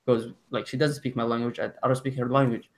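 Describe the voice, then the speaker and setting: Teen guy from syria, arabic first language, monotone, lots of "like" and restarts. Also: mid-range voice, background noise. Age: teens. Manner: halting, many "like" fillers, self-corrections. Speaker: student panelist. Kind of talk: telling his story on a panel.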